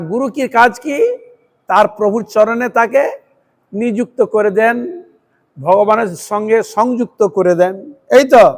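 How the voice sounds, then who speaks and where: High-voiced Bengali preacher chanting verses. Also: male voice, big-room sound. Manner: chants Sanskrit verses slowly, then explains with emphatic repetition. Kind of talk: devotional sermon.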